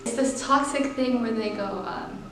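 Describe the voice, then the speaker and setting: A woman telling a playful, animated story in an interview. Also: on the high side, moderate pace. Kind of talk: casual storytelling answer. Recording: echoey room. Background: music.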